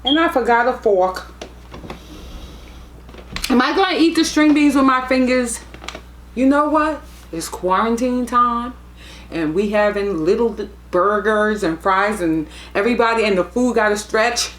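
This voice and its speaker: Slow-talking chatty woman. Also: on the high side, a bit bright, echoey room. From Brooklyn, New York. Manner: chatty, folksy, talks while eating. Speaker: mukbang vlogger. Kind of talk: casual eating chat. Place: home room.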